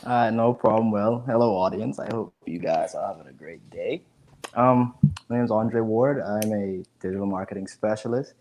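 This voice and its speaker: He's a fairly low-pitched man speaking at normal speed with a darkish tone, and a little hiss or hum is audible. In his 20s and from the Bahamas, he works in digital marketing and is chatting casually as an interview guest over a home video call on an earphone headset, often repeating words.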